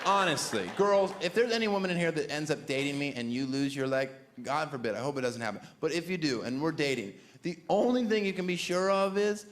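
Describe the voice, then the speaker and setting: A man doing stand-up on a club stage, sardonic and deadpan, his voice a little high and swinging widely in pitch. The room is echoey and a loud audience laughs around him. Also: background noise. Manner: sardonic, deadpan asides with shrill mock voices. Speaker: stand-up comedian. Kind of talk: stand-up comedy set.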